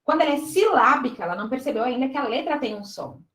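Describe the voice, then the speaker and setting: Expressive and quick, with a high, fairly bright voice, a woman runs an exam-prep review in Brazilian Portuguese. The low-quality recording has an echoey room sound, and she explains step by step while checking in with students.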